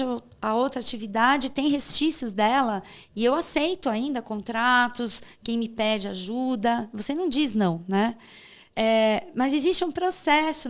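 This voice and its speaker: A woman as a podcast guest, giving casual, reflective advice in an encouraging way and checking for agreement. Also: fairly high pitch. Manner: encouraging, seeks agreement with tag questions.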